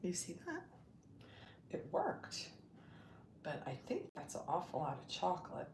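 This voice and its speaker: Slow, lively-pitched woman in an echoey kitchen. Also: slight background noise. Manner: hesitant, thinking aloud while working. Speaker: lifestyle channel host. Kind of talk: casual livestream cooking chat. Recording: echoey room with loud kitchen clatter. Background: dishes and cutlery clatter.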